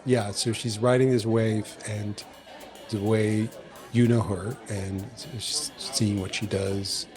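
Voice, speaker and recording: A man's voice: on the low side, takes it slowly. Guy hosting a podcast, rambly, keeps restarting, faint music under it. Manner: rambling, many restarts, animated. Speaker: podcast host. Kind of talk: casual conversation.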